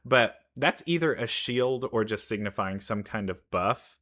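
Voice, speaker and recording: Over background music, a man reacts to a game trailer as a casual host, thinking aloud in an enthusiastic, rambling way. His voice is fairly low and a bit bright, expressive and unhurried.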